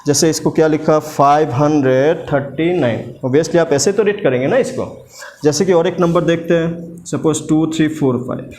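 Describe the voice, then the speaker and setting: Patient male maths tutor, slightly high voice. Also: moderate pace, darkish tone. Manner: asks questions and answers them himself, repeating steps; mixes English maths terms into Hindi. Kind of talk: explaining a maths lesson.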